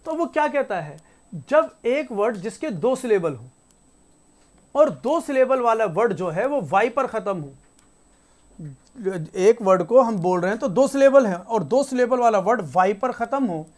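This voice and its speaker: A woman teaching spelling rules in a casual classroom style. She reads each rule out slowly and repeats the example words. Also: a little high, animated, darkish tone. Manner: casual, conversational teaching with frequent checks like "theek hai". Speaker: English teacher.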